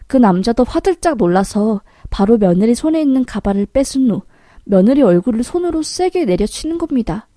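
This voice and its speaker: A woman calmly narrating a first-person story in a matter-of-fact way. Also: fairly high pitch, no room sound, clean studio sound.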